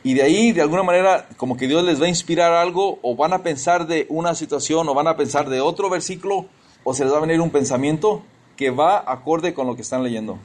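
A man with a slightly high voice preaches an informal sermon briskly and conversationally, calling his listeners brothers and asking them questions. He stumbles and restarts along the way and tosses in English exclamations.

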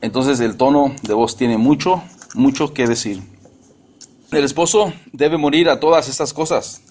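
A man's voice: mid-range voice, a little slow, darkish tone. A middle-aged man preaching a sermon in a church, emphatic and often repeating or restarting his phrases.

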